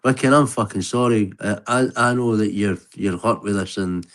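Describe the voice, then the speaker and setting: A man's voice: lowish voice, normal speed, a bit bright. A Scottish man with a Glasgow street accent, arguing bluntly and swearing freely on a live stream. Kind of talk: heated argument on a live stream.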